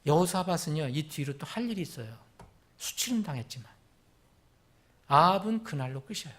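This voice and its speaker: A man's voice: fairly high pitch, brisk. A male pastor preaching an afternoon sermon, acting out cries and asking the congregation questions. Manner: animated, acts out quoted cries, asks the congregation questions.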